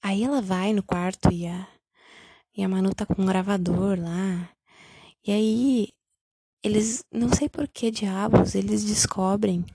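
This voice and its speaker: Young woman, vlogger; sarcastic, incredulous recap delivery, mellow husky tone. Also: mid-range voice, unhurried, dry recording. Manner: sarcastic, incredulous, animated retelling. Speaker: vlogger reviewing a film. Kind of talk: casual comedic recap.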